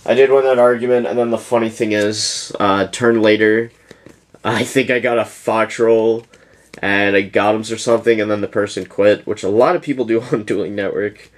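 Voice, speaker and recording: A man's voice: fairly low pitch, fairly even intonation, moderate pace. A young man giving a casual, rambling deck profile to his channel, yawning as he goes. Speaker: YouTuber presenting a card deck.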